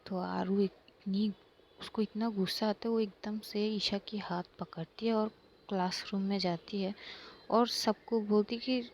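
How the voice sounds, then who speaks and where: A woman's voice: medium pitch, fairly even intonation, unhurried, darkish tone, highs cut off, slight background noise. A woman narrating a love story in a casual, informal retelling full of repeated words.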